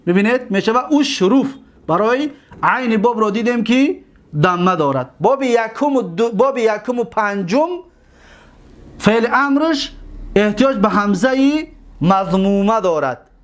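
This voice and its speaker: A man teaching a grammar lesson, repeating word forms slowly and asking his own questions. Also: high-pitched, expressive.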